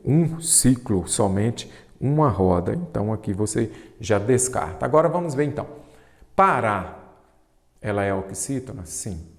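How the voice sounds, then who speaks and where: A Brazilian man teaching Portuguese for an exam, asking his own questions and answering them, drawing out key terms slowly. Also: lowish voice, very animated, vocal fry, reverberant, big-room sound. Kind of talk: exam-prep lecture.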